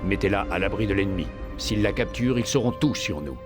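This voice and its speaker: An actor playing a grave, resolute warship captain in dramatic video game dialogue. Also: male voice, on the low side, expressive, fast, music in the background, lightly acted.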